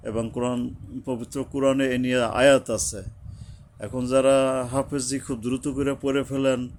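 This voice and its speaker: A man teaching Quran recitation, explaining pronunciation slowly and chanting short verses to show each sound. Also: medium pitch, darkish tone, slight background noise. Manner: slow, careful, demonstrating sounds, chanting verses. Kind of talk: tajweed lesson, explaining and reciting.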